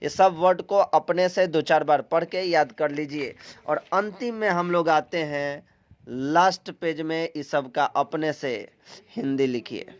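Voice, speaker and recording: In this recorded English vocabulary lesson, an Indian teacher speaks on the high side and a little slowly, guiding students step by step. His tone is plain and instructive, with repeated steps and occasional filler sounds, and the audio is dull.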